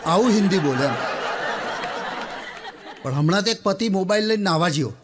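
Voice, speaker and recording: Over background noise, a man with a high, expressive voice at a moderate pace strings together comic Gujarati folk jokes. This stand-up comedian narrates conversationally and keeps turning to address the audience directly.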